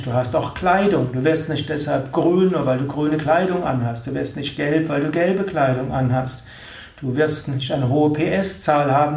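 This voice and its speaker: A man with a fairly high voice gives a calm spiritual lecture, driving each point home by repetition. He sounds set back from the microphone in an echoey room. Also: gravelly, recorded from a distance. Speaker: spiritual teacher.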